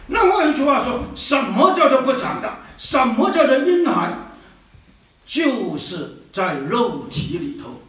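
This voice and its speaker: A man preaching a sermon in an animated, storytelling way, often chuckling as he talks. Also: very high-pitched. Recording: echoey hall, mic far off.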